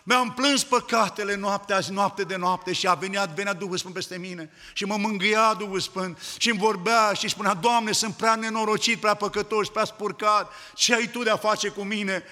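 High, bright-voiced fervent male preacher. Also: fairly even intonation, hardly any pauses, long reverb tail. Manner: fervent, rising to loud declamation. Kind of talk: sermon.

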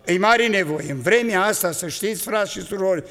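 A man's voice: sits high, a bit bright, big-room sound. An older man preaching an earnest sermon to a congregation, exhorting them and recounting visions.

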